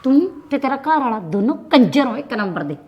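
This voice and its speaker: A woman's voice: sits high, big pitch swings, fairly quick, dull audio. A woman with a Malwai Punjabi accent playing a jealous, scolding younger daughter-in-law. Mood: quarrelling. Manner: quarrelsome, scolding.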